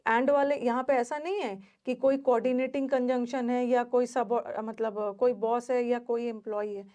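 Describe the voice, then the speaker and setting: Female grammar teacher, a touch high, patient step-by-step explainer who keeps quizzing her class. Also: steady tone, moderate pace, mellow. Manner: explains step by step, repeats key words, asks the class questions.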